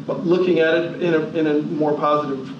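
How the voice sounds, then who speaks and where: A man in his forties from New Jersey gives a motivational talk in a large hall, asking emphatic rhetorical questions as his pace shifts. His voice is on the high side, fairly quick, with fairly even intonation. The recording comes across distant, dull and echoey, with noise.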